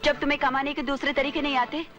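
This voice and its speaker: Defiant wife figure, high and bright, sharp retorts. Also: female voice, level tone, fast, muffled recording, faint music behind.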